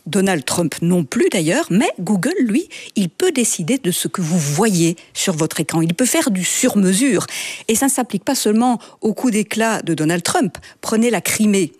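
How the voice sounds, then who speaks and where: A woman's voice: medium pitch, sing-song, normal speed, a little mellow, slightly rough, no echo, studio quality. A woman giving a scripted, explanatory radio segment in a conversational way, from Belgium. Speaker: radio columnist.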